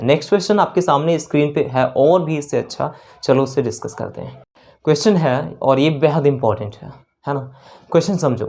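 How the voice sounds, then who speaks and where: Step by step, a man with a slightly high, darkish voice and a North Indian accent explains maths while working through problems. He's instructive and repetitive, stopping often to ask short check-in questions.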